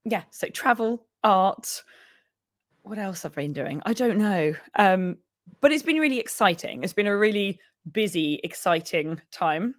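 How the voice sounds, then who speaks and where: A young woman co-hosting a podcast, with a croaky, husky voice, chatting and laughing as she rambles. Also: medium pitch, expressive, a little slow, dry recording, clean studio sound. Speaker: podcast co-host. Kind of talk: casual podcast chat.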